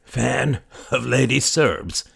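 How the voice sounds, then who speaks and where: A man's voice: lowish voice, a little slow, exaggerated voice. A man doing a wheezing old theatre director. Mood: wry. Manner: wheezy, croaking. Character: wheezing snuff-taking male theatre director.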